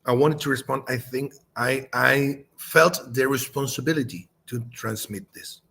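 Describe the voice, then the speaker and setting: A man from Chile with a Chilean Spanish accent, a native Spanish speaker, giving a halting spoken response in English with many fillers and restarts. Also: mid-range voice, creaky, bright, forceful tone. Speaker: channel host.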